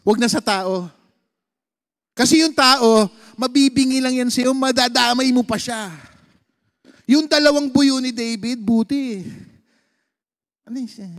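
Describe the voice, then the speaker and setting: A male pastor with a Filipino accent preaches a sermon and recounts a personal story, switching back and forth between Tagalog and English in animated storytelling. His voice is extremely high, and he speaks unhurriedly with long pauses.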